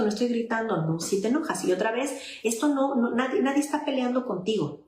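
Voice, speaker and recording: A woman's voice: medium pitch, darkish tone. A woman child psychologist, giving conversational advice to parents and often checking in with her listeners. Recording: roomy echo.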